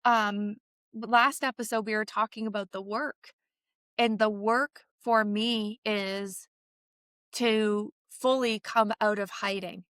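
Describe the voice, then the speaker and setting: A woman from Canada with a bright, forceful voice tells a personal story on her podcast. She speaks in a candid, animated way. The sound is close and dry. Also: mid-range voice, slow, clear, resonant tone, no echo. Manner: animated, vivid storyteller who acts out quoted voices. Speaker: podcast co-host.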